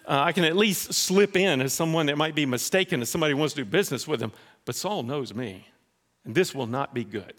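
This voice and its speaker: A man's voice: on the high side, expressive, fast talker, a bit bright. A man acting out a worried, reluctant disciple who protests and hesitates in a sermon retelling.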